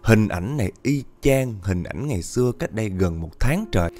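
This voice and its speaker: Lively Southern Vietnamese male storyteller. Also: fairly low pitch, normal speed, soft background music. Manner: animated, addresses listeners directly. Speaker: podcast storyteller. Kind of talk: ghost story narration.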